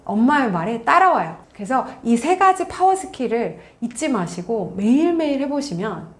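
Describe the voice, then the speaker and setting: Woman, counselor, parenting advice talk, earnest coaching tone, somewhat high voice. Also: very animated, moderate pace. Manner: earnest, coaching tone, acts out parent and child lines. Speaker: college counselor and parenting author.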